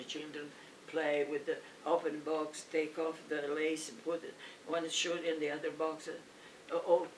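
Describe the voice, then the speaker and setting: An older woman from Italy with an Italian accent, telling family stories in casual chat, animated and halting, laughing often. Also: low voice. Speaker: family storyteller. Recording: roomy, distant, faint noise.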